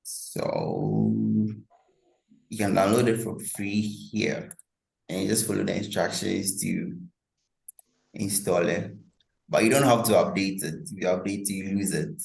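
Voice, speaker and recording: Male workshop presenter, low and gravelly, walking listeners through software steps in an echoey room. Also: a little slow, pauses often. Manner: relaxed, step-by-step instructions. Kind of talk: software demonstration.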